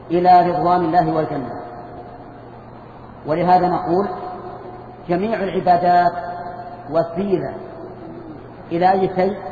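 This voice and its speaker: A high-voiced man teaches a religious lesson, slowly repeating key phrases and quizzing his listeners. He is heard from far off in a long-echoing hall. The old recording is dull and lo-fi, with a faint hiss beneath. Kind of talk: classroom lecture.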